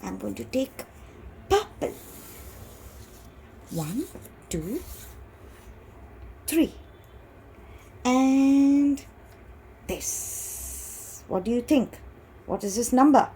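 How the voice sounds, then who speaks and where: Woman teacher, Indian English accent, middle-aged; lively, patient, drawn-out delivery for young pupils. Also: a little high, gravelly, slight background noise. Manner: slow, patient, sing-song teacher talk, stretching key words. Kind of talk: online class lesson for young children.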